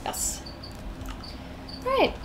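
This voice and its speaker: Speaking very slowly, a young South African woman with a mixed British and American-tinged accent thinks aloud as she draws on her live stream. The digital artist is chatty and meandering, humming to herself along the way. Steady noise and crickets are audible behind her.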